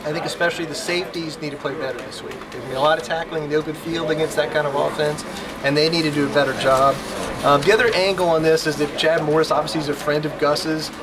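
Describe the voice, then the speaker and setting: A man breaking down a football matchup in casual, measured talk. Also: fairly high pitch, fairly even intonation. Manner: measured, analytical, with fillers. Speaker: football podcast co-host. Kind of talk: casual sports analysis. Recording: live show with crowd behind. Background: crowd noise.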